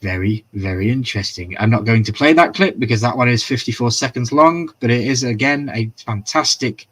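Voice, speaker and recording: A man in the middle of his pitch range hosts a casual live-stream, recapping an episode in loose, chatty fashion. He swears freely and breaks off to answer viewers' comments. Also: a little fast, breathy edge. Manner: chatty and profane, reads chat aloud.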